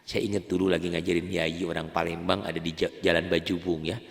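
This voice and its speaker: A low, gravelly male voice tinged talks beginners through Quran reading in a chatty, self-deprecating way. He repeats over and over to drill them. A long reverb trails after his voice. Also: level tone, brisk. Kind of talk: casual lesson.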